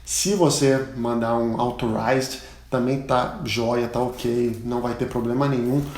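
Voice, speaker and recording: A Brazilian man, a pilot, giving a casual spoken lesson, chatty and full of anecdotes, repeating the words he teaches loudly. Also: medium pitch, fairly even intonation, measured pace, roomy sound, a little hiss or hum. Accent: Brazilian Portuguese. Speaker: pilot and aviation English instructor.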